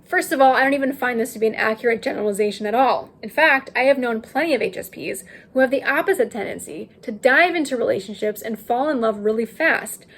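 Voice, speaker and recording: A woman giving a scripted commentary as a video host, projecting her voice to be heard over heavy rain. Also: on the high side. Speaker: video host and channel creator. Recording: clear rain noise behind voice. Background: rain falling overhead.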